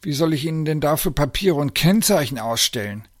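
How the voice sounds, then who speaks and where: Man voicing a confused official guy, skeptical, kinda animated. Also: a little high, a little fast, no room sound, clean studio sound, voice pushed up. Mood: puzzled. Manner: doubtful, questioning. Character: puzzled male government official, bureaucratic.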